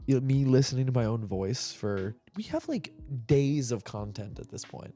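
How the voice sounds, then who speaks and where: A man's voice: medium pitch, moderate pace, dark tone. A man co-hosting a podcast in casual chat, joking and swearing with frequent laughter. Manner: joking, profane, laughs often. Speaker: podcast co-host.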